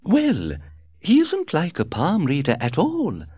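A man's voice: fairly high pitch, wildly swooping pitch, slow pace, mellow, husky, no echo, studio quality, voice pushed up, full character voice. A man voicing a flamboyant, gossiping society hostess in a theatrical, gushing way.

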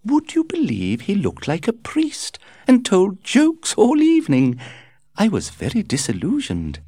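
Guy doing a chattery society hostess, way up high, very dry close sound. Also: huge pitch swings, unhurried, mellow, no echo, heavily acted. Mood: gushing. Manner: gushing, theatrical. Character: flamboyant gossiping society hostess, woman.

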